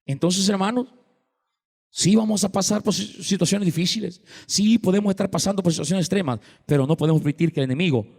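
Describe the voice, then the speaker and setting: A man's voice: high-pitched, brisk, creaky, darkish tone. A male pastor with a Salvadoran Spanish accent, preaching an impassioned sermon and calling out to the congregation with repeated refrains. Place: large church sanctuary. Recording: long reverb of a church hall.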